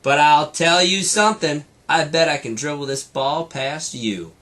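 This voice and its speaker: A man's voice: on the high side, measured pace, fairly bright tone. A man voicing a stubborn, dismissive young boy bear cub from a children's storybook. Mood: defiant.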